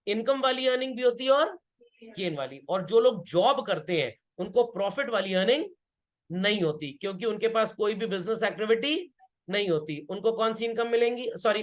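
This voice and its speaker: A man teaching an accountancy lesson, who keeps asking his students whether they have understood and repeats his key points. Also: sits high. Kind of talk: classroom lecture.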